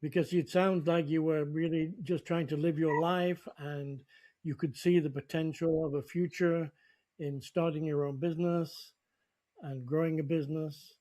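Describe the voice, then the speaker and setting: A male podcast host with a somewhat high, mellow voice. He asks long, rambling questions and often repeats words as he goes. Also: steady tone, normal speed. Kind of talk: interview hosting.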